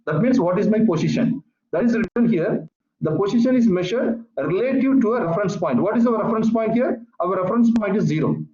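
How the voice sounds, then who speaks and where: A man teaching a physics lesson over an online call, explaining slowly and patiently with many repetitions. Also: high-pitched, lively intonation, dark tone. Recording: echoey, muffled online call audio.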